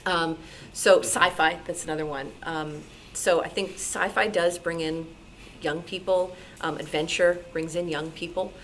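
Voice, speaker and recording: The noisy recording comes from a live club meeting where an American woman, a radio programmer, answers questions informally and enthusiastically. She speaks with a fairly low, fairly even voice at a measured pace, hardly pausing.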